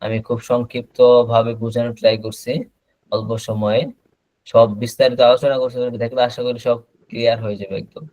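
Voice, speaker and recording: A man teaching an online class, explaining slowly and repeating words over a video call. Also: medium pitch, level tone, darkish tone, no room sound, poor audio. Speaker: English teacher.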